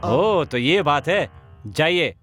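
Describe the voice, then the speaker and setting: A cheeky young nephew. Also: male voice, on the high side, big pitch swings, slow pace, fairly bright tone, husky, faint music behind, full character voice. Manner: cheeky, teasing. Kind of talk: Hindi film dubbing.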